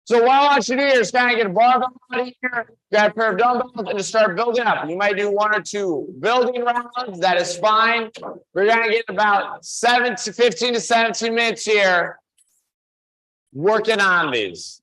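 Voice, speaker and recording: A male fitness coach talks a class through the upcoming sets in a relaxed, instructive way, loosely strung together with fillers. His voice sits high for a man and sounds bright and forward. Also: moderate pace, low-quality recording. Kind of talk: coaching a live workout class.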